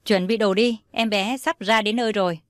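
A woman's voice: mid-range voice, steady tone, a little fast, fairly bright tone, no echo, clean studio sound, close to an everyday voice. A woman voicing a curt female hospital doctor giving orders in a storybook reading. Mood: commanding.

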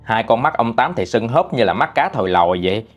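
A male storyteller with a Southern Vietnamese accent, chatty and exclamatory. His voice sits at a mid pitch but swings up and down with lively energy. Faint music plays underneath. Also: brisk. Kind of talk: gossipy spoken storytelling.

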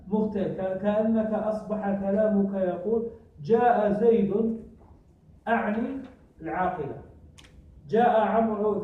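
A man teaching a classroom grammar lesson, often quizzing his students with short questions and repeating example sentences slowly. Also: high-pitched. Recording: echoey, distant, phone-like recording.

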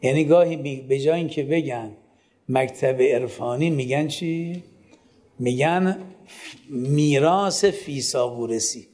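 A man's voice: medium pitch, a little mellow. A man giving a classroom lecture, often asking the class a question and then answering it himself, with direct instructions to his students. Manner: poses rhetorical questions and answers them himself.

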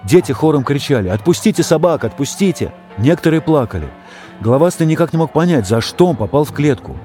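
A man reading a children's story aloud, expressive and raising his voice for the dogs' shouts. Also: on the high side, fast, faint music behind. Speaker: audiobook reader. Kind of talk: storybook narration.

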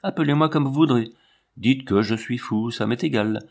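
A man's voice: mid-range voice, normal speed, gravelly. A man voicing an impassioned, lovestruck fairground performer who pleads eagerly. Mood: pleading.

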